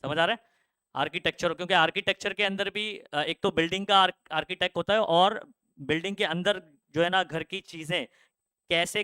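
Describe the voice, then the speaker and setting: A man's voice: a little high, pushed and bright, clear, resonant tone, no echo. A young male teacher gives a casual classroom talk on career options, often checking that students follow. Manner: conversational, asks the class frequent check questions; casual, with frequent fillers. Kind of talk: classroom career guidance lecture.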